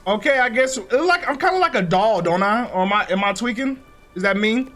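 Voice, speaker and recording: Young male let's-play host, high voice, animated joking commentary, faint game music behind. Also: fairly quick. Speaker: gaming YouTuber.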